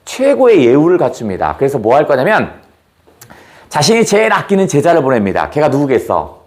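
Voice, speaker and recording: Casting note: a lively teacher in a classroom, expressive and fairly high-pitched. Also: male voice, brisk. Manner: animated, quizzes students with questions. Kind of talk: storytelling lesson.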